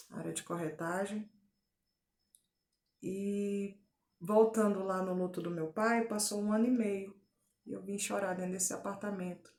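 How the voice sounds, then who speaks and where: Brazilian woman doing a faith testimony from home, earnest and slow-building, kinda echoey room. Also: mid-range voice, gravelly, a little mellow. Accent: Brazilian Portuguese. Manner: earnest, deliberate storytelling with frequent tag fillers. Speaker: testimony giver. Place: at home, indoors. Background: faint drill noise.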